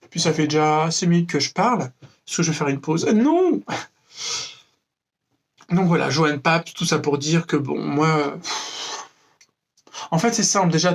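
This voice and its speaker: A young man from France rants to camera with mocking sarcasm. His voice sits a little high for a man, and he rambles through fillers and restarts as he goes. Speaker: vlogger. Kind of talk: freestyle rant to camera.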